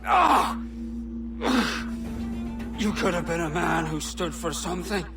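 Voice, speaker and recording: An actor playing a stern, disillusioned older pirate in a video game, forceful and reproachful. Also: male voice, on the high side, fairly even intonation, brisk, close to an everyday voice. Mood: bitter, reproachful. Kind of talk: cinematic video game acting. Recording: distant voice with music behind.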